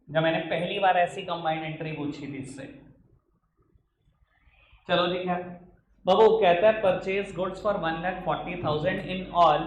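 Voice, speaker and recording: High-voiced teacher chiding his class. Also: slight background noise. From Uttar Pradesh, India. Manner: chiding, teasing teacher who calls students "babu"; reads questions out slowly in English. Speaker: accountancy teacher. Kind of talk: classroom lecture mixing Hindi and English. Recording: echoey room.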